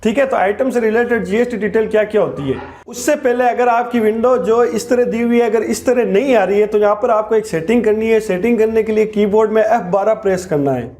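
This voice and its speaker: High-voiced man explaining step by step. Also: darkish tone. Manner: step-by-step explaining, slows down for key terms. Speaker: accounting software teacher. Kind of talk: screen-recorded tutorial.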